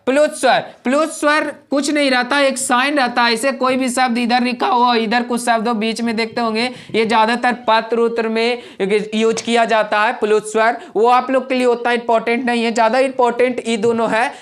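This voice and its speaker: A man's voice: very high voice, a bit bright. A man teaching a grammar class, repeating each point and asking the class questions, drawing out vowel sounds as examples. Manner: draws out vowel sounds in demonstration.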